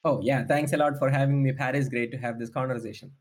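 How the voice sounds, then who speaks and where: Husky-voiced founder. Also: male voice, medium pitch, fairly even intonation, fast talker. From India. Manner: thoughtful, hesitant with frequent ums. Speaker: startup founder guest. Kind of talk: podcast interview.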